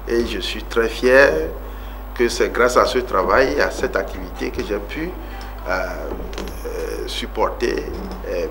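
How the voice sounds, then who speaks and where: A man in his forties from Togo talks through his life story as a guest on a television interview. His voice is bright and forward, his delivery earnest and emphatic, broken by frequent filler sounds and pauses. A faint hiss sits behind him. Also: fairly low pitch. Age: 40s. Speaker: guest politician.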